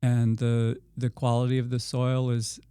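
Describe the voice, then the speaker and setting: A man who farms organically, answering interview questions slowly, with many pauses, fillers and restarts. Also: mid-range voice, monotone, warm tone, smooth, no echo. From Iowa. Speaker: organic farmer guest. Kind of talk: podcast interview.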